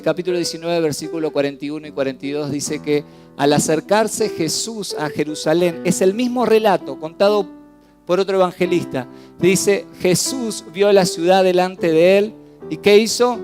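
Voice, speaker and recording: Impassioned Argentine preacher over soft piano. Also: male voice, sits high. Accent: Rioplatense Spanish. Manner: impassioned, swinging from loud outbursts to hushed, slow phrases. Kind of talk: sermon. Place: church. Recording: soft piano music behind the voice.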